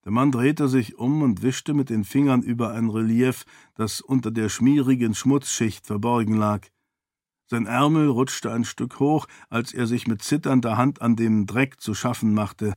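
A man reading a novel aloud as audiobook narrator, in a measured storytelling manner. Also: medium pitch, a little mellow, dry recording, studio quality. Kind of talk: scripted narration.

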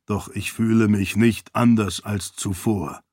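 A man voicing a loyal male spirit living in a floating light orb, with a deep, hesitant voice, speaking slowly and formally to his lady. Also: fairly even intonation, a little mellow, husky, no room sound, studio quality. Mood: relieved. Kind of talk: audiobook character voice.

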